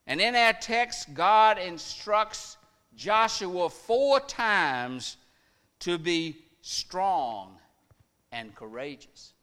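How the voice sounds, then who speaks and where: A male pastor preaching a sermon slowly and deliberately, letting his voice sink soft at the ends of phrases. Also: high-pitched, clear, resonant tone, long reverb tail. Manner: slow, deliberate preaching with dramatic drops in volume.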